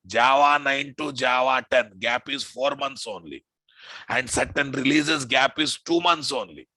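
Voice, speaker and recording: This informal programming lecture comes from a man with a Telugu Indian English accent whose mid-range voice is animated and sharp yet unhurried. He repeats phrases emphatically and often poses questions to the class. The recording is dry.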